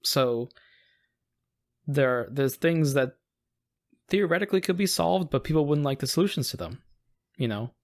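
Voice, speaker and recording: An American man co-hosting a casual podcast chat, musing aloud with frequent restarts and quick acted-out quotes. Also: fairly high pitch, animated. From United States. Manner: rambling, restarts and acts out quoted voices. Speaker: podcast co-host.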